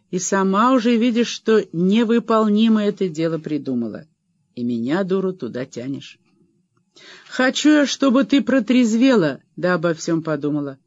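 Man voicing a soft-spoken pitying housemaid. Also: high voice, no room sound, muffled recording. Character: kindly worried middle-aged housemaid.

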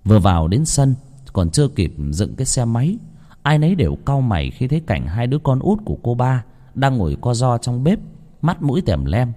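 A man narrating a first-person ghost story with a lively, dramatic telling. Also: mid-range voice, fairly quick.

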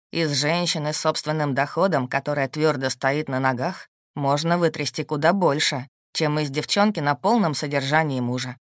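Woman voicing a calm, shrewd husband. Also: sits low, no room sound, pitched below the performer's own voice, close to an everyday voice. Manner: steady, dry, matter-of-fact. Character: calm, shrewd, protective husband, adult man. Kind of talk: audiobook character voice.

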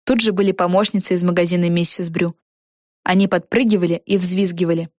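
A woman narrating a children's book in an even storytelling manner. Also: lowish voice, brisk, no room sound, clean studio sound. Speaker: audiobook narrator.

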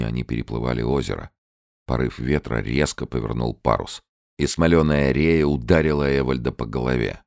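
Very deep gravelly male narrator. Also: no echo, studio quality. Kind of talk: dramatic audiobook narration.

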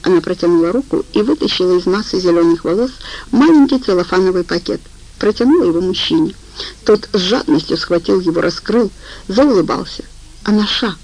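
A woman reading an audiobook in calm, even, unhurried narration. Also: on the low side, rough recording. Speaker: audiobook reader. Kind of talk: scripted narration.

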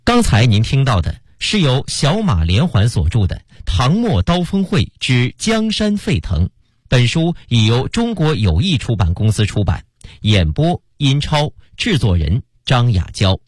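A man's voice: mid-range voice, very animated, measured pace, no room sound. A man reading program credits on the radio in a formal manner. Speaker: radio announcer.

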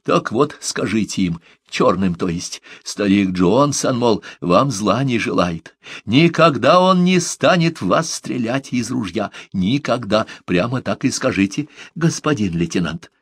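A man's voice: lowish voice, lively intonation, unhurried, husky, dry recording, heavily acted. A man doing a quavering, fretful old man. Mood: wheedling. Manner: quavering, plaintive, agitated. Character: fretful old bearded man, rambling and anxious.

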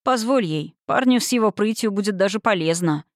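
A woman reading a calm young male hero. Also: mid-range voice, a little fast, dry recording, clean studio sound, natural voice. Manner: quiet, composed.

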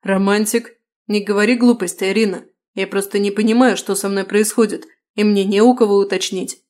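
A woman's voice: mid-range voice, steady tone, fairly quick, a little mellow, natural voice. A woman reading the lines of an anxious, normally composed male doctor in his late thirties, speaking in an agitated, pleading way. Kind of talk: audiobook dialogue reading.

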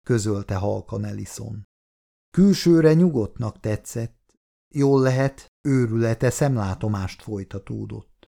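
Gravelly male audiobook narrator. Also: mid-range voice, darkish tone. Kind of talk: scripted narration.

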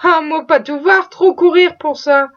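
A woman's voice: high voice, fairly even intonation, unhurried, voice pushed up. A woman voicing a cheerful young male stable boy who teases his friend in a storybook reading. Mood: amused. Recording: dull lo-fi recording.

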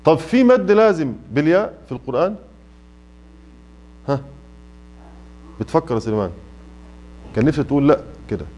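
A man's voice: a little high, very animated, fairly quick, long pauses, darkish tone, muffled recording. A man with an Egyptian Arabic accent teaching a tajweed lesson in a mosque, stretching out his examples and quizzing students. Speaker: Quran recitation teacher. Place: mosque classroom.

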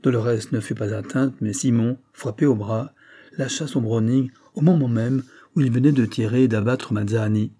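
Man narrating an old adventure novel, dark husky voice, steady and measured. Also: medium pitch. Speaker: audiobook narrator. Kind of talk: scripted narration.

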